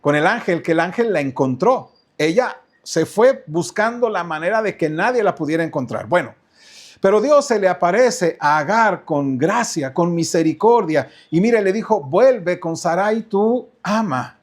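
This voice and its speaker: High-voiced Mexican pastor preaching. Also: male voice, lively intonation, normal speed. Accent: Mexican Spanish. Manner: asks the congregation questions, repeats words, changes pace often. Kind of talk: sermon. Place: church.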